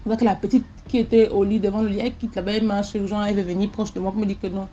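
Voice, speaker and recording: In a very fast, medium-pitched voice, a woman animatedly relates a mystical experience of her own, repeating herself and using sound words. The recording sounds slightly dull and carries a little hiss or hum.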